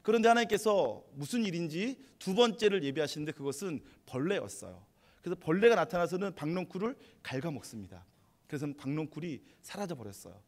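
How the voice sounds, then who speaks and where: Male pastor retelling a bible story in his sermon, kinda high voice, chatty. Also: fairly quick. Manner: conversational storytelling, animated retelling.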